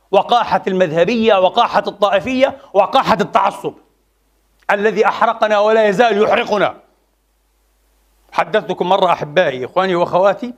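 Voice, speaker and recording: Impassioned high-voiced male preacher. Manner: impassioned, repeats phrases for emphasis, swings between soft and loud. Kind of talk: Friday sermon.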